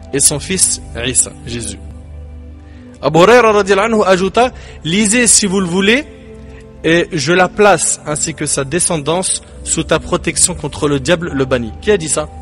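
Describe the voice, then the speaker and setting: A man delivers a sermon in a noticeably high voice. His delivery is emphatic, with rising peaks and sudden soft drops. Quiet music plays underneath. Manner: emphatic, rising and falling delivery with dramatic pauses. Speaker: preacher.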